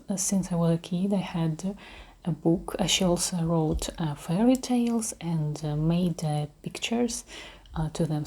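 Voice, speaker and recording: Soft, breathy Russian-accented woman, ASMR. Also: on the low side. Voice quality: soft, breathy, half-whispered voice. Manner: gentle, hesitant, unhurried. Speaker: ASMR creator. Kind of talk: soft-spoken ASMR talk.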